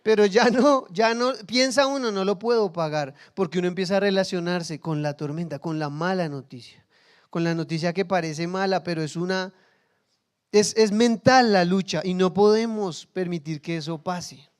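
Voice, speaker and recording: A man's voice: sits high, normal speed, smooth. A man preaching a sermon as pastor, humorous and acting out everyday scenes in little quoted voices.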